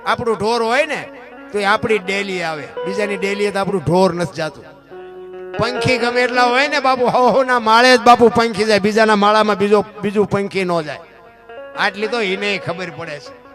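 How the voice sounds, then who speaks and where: A man's voice: high-pitched, moderate pace, over music. A man, a folk storyteller giving a sermon-like talk to a live audience, often asking his listeners rhetorical questions and quoting folk verse. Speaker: folk storyteller speaking at a dayro.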